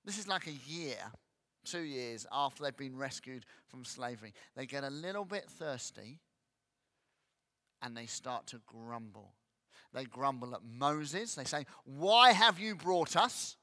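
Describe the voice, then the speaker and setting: A man preaching a sermon, animated and acting out grumbling voices. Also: medium pitch, measured pace. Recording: long hall reverb.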